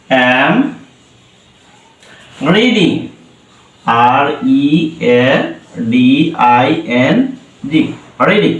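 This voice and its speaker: A man's voice: high voice, fairly bright tone. Bengali-accented guy teaching english, spells words out, quizzes himself, sounds far off in an echoey room. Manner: spells words letter by letter, asks and answers his own questions. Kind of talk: spoken English lesson. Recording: roomy echo, distant mic.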